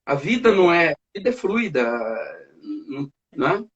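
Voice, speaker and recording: A male pastor with a rather high voice talks in a halting way, restarting words as he thinks. The sound is somewhat dull and muffled. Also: sing-song. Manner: halting, repeats words, acts out family arguments. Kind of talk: conversational church talk.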